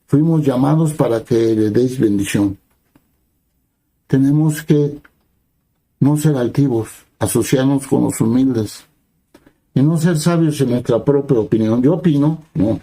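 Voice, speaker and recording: A man's voice: mid-range voice, measured pace, mellow, rough recording. A man preaching a sermon who reads scripture aloud and then explains it in plain conversational words, often asking the listeners brief questions.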